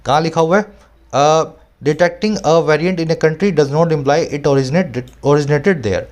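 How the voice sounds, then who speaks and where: A man working as an English tutor, explaining vocabulary and grammar to exam students in Hindi mixed with English terms. He reads English text out slowly and keeps checking whether the students follow him. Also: a little high, a little mellow. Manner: asks frequent rhetorical check-ins.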